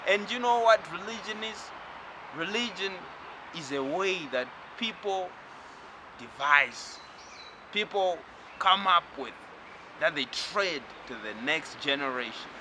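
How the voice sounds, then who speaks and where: A man from Zimbabwe giving a spiritual lecture, talking slowly and reflectively and addressing the listener directly. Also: high voice, expressive, background noise.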